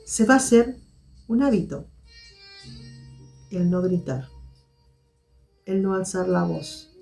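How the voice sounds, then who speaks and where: A woman hosting a live stream, speaking to her viewers in a measured, reflective way and repeating her key points. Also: mid-range voice, lively intonation, creaky, mellow, soft background music.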